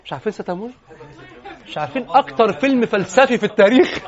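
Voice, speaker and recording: Animated man lecturing with Egyptian accent. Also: high voice, rapid-fire, some chatter behind. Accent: Egyptian Arabic. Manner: animated, questioning the audience; switches between classical and colloquial speech. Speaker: lecturer on classical poetry. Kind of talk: lecture to students. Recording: dull lo-fi lecture recording.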